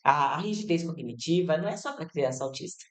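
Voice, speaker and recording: A woman with a somewhat low voice leads a casual interview, addressing listeners directly. She talks in a chatty, explanatory way and keeps checking in with little tag questions. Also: lively intonation, brisk. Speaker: podcast host. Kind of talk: conversational interview.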